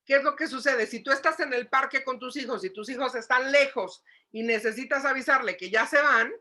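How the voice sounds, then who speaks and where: A woman psychologist giving a lively lecture to parents, asking the audience questions and acting out shouting. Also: high-pitched, a little fast. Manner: animated, asks the audience questions, acts out shouting.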